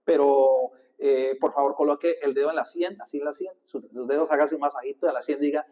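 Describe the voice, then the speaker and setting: A male priest giving a lively sermon with a handheld mic, coaching the congregation to repeat verses and gestures. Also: fairly high pitch, a little fast, poor audio. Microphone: handheld microphone.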